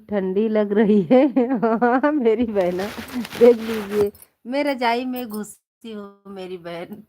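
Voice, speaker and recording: Slow-talking playful woman on a live stream. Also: medium pitch, dark tone, no echo. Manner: chatty and playful, laughs often, calls viewers "my child". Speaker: live-stream host chatting with viewers. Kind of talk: casual live chat with viewers. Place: at home in bed under a quilt.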